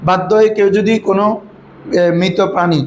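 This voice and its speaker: A man with a high voice teaches a grammar class. He keeps asking his students questions and calls them fondly as he explains. Faint noise sits behind the recording. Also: fairly even intonation. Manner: recites Quranic verses slowly. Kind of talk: classroom lesson.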